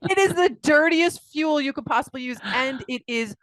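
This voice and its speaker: A woman's voice: sits high, animated, normal speed, fairly bright tone, no room sound. A middle-aged woman, a guest on a video call interview, who tells stories with energy and acts out the voices of the people she quotes. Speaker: guest, accountant and coach. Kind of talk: interview conversation.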